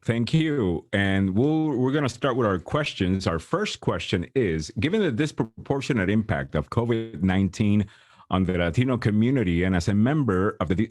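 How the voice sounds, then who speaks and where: A man's voice: lowish voice, darkish tone. A male moderator formally introducing candidates and reading out questions at a forum. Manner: measured, formal.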